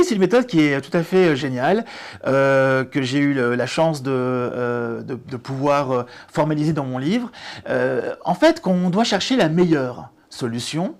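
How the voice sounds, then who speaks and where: A middle-aged man answers interview questions about an exam, explaining logic with examples. His voice sits a little high for a man, and he stumbles into restarts before pressing his points with lively emphasis. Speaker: test-prep director and author.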